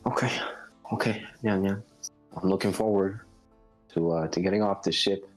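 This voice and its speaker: A man's voice: low voice, fairly even intonation, normal speed, low-quality recording. A man improvising dialogue in a tabletop role-playing game, awkward and hesitant, often repeating himself. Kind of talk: casual improvised role-play. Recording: music playing behind the voice.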